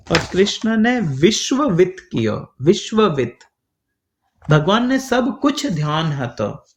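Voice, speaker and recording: Slow sing-song preacher. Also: male voice, high voice. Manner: slow, sing-song storytelling with Sanskrit verses and acted voices. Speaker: preacher telling scripture stories. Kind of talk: devotional story sermon. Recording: dull lo-fi recording.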